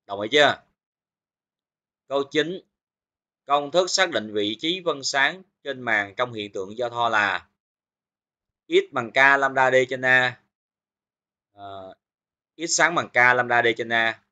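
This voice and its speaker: A man with a bright, forceful voice walks through a physics exam review. He explains each answer step by step and keeps asking his students whether they follow. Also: mid-range voice. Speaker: physics teacher.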